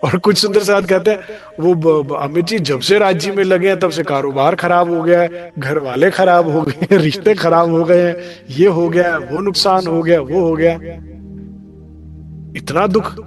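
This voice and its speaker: A man delivering a spiritual sermon in a slightly high voice, with music playing beneath him throughout. He sings out lines of verse slowly and then explains them in plain talk. He keeps asking his listeners questions and answering them himself. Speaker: spiritual speaker. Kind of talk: devotional discourse. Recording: background music under the voice.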